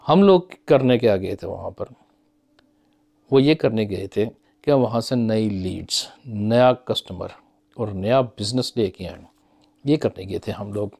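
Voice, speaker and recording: A man's voice: mid-range voice, a little mellow. Pakistani man musing on business to camera. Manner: conversational, musing, with many fillers and hand gestures. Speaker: business commentator. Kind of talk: casual talk to camera. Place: small office with framed certificates on the wall.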